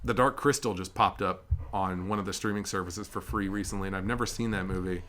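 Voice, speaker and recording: A man's voice: sits low, fairly even intonation, brisk, fairly bright tone. A young man hosting a casual chat, rambling and self-correcting with a joking streak. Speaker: podcast host. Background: dogs.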